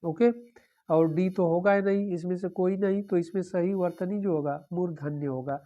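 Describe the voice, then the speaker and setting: A woman's voice: lowish voice, steady tone, moderate pace, mellow, dull audio. A woman teaching an exam-prep lesson, going through the answer options one by one and repeating them, with a frequent "okay".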